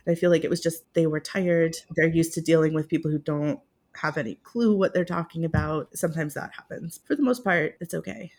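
The guest is a woman, a Russian literature professor and native English speaker, describing her job casually and poking fun at herself with the odd laugh. She speaks briskly in a low, slightly mellow voice during this conversational interview.

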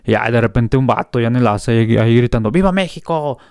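A Mexican man co-hosting a comic news show, telling stories in heavy street slang with lots of excitement. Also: medium pitch, fast talker, creaky, clean tone, no echo, studio quality. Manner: slangy, excitable, rambling storyteller. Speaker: co-host.

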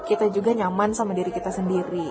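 A woman's voice: mid-range voice, fairly even intonation, quick pace, a crowd in the background. A young woman, hosting a casual chat and teasing her friends as she steers the talk. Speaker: host.

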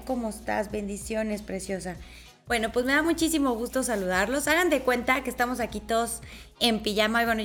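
A woman with a Mexican accent hosting a live stream, greeting viewers warmly and explaining angel messages in a chatty, affectionate way with everyday examples. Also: medium pitch. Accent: Mexican Spanish. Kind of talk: casual live stream with spiritual guidance.

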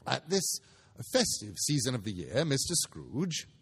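A man voicing a portly, well-meaning gentleman with a polite, formal manner in a storybook reading. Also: medium pitch, huge pitch swings, unhurried, slightly rough, big-room sound, exaggerated voice. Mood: courteous.

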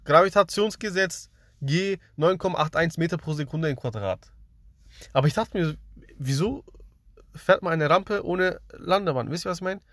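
A man's voice: a little high, expressive, moderate pace, fairly bright tone, dry recording. Slangy young man telling dreams. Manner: slangy, rambling, addresses the audience. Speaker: streamer. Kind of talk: casual storytelling to viewers.

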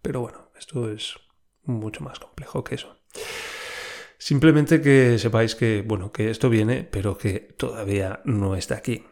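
A man's voice: on the low side, normal speed, darkish tone. Chatty male podcast host. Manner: chatty, laughs often, swears freely. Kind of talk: casual podcast monologue.

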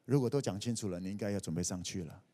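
A man preaching a sermon as a pastor, animated, acting out the voices in his stories and often dropping "OK". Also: fairly low pitch, racing. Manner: animated, acts out quoted voices, frequent "OK". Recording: long reverb of a hall.

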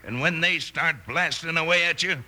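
A crabby old prospector turned outlaw in an old western drama. His high, piercing voice has a folksy, defiant American drawl, and it rings in a very echoey, reverberant space. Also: moderate pace, pushed and bright. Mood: surly, defiant. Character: surly old male outlaw posing as gold prospector.

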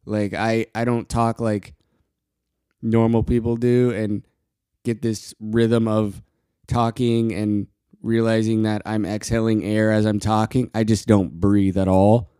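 A quiet man hosts his own podcast in a low, even, mellow voice. He talks in short halting bursts and stops often to catch a breath. His smooth tone sits close to the mic in a dry room. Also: dry recording. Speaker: podcast host. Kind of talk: casual solo podcast talk.

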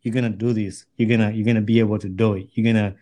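A man's voice: lowish voice, level tone, rapid-fire, warm tone. A man talking casually and from the heart with a friend, earnest and repeating phrases as he builds his point.

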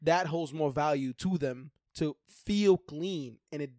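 A young man with a somewhat high voice chats loosely in frat-bro slang, cursing and circling back over his words. The sound is dry, with very little room in it. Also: a little slow, darkish tone, no room sound. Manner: frat bro, slangy, profane, repeats himself. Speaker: podcast co-host. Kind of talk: casual chat.

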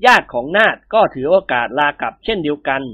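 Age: adult. Sex: man. Style: lively storybook narration with a husky voice. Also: on the high side, fast talker, no room sound, dull audio. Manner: lively, expressive.

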